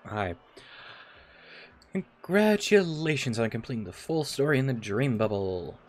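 An eager male merchant of dreams pitches his wares in a bright, upbeat patter, as a streamer reads his lines aloud. The voice sits at an ordinary middle pitch, with no heavy character put on. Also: lively intonation, measured pace, natural voice. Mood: salesy. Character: smooth-talking male dream salesman. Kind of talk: reading game dialogue aloud.

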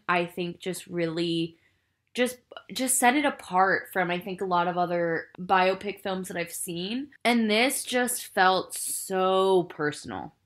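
A woman's voice: fairly low pitch, fairly bright tone. A woman hosting a casual film review podcast, chatty and rambling with lots of "like" fillers, earnest and emotionally invested in what she describes. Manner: chatty and rambling, heavy use of "like" and "I think". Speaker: podcast host.

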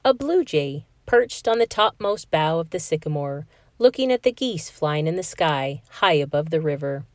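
A woman reading a children's picture book aloud in an expressive, sing-song storytelling manner. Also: deep voice, moderate pace, dry recording, studio quality.

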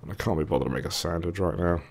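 A man's voice: deep voice, rapid-fire, creaky. A man with a thick, sore-throated voice giving casual, hesitant let's play commentary, musing to himself as he goes. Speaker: gaming video host.

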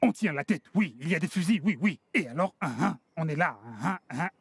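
An actor playing a domineering, indignant street gang boss in a dubbed film drama, scolding emphatically. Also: male voice, on the high side, lively intonation, a little fast, gravelly, breathy edge, dry recording, exaggerated voice. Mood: indignant ranting. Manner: scolding, emphatic, repeats himself.

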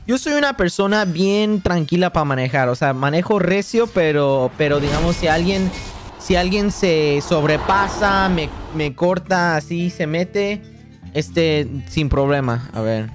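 A man's voice: high-pitched, unhurried, over music. A young man with a Mexican accent, livestreaming a game in a boastful, joking way, swearing constantly. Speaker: streamer. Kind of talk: casual gaming livestream.

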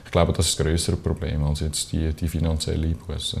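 A young Swiss man, a handball player, answering in a studio interview with measured, hesitant phrasing. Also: extremely low pitch, completely flat delivery, vocal fry. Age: young adult. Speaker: professional handball player, team captain. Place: small TV studio.

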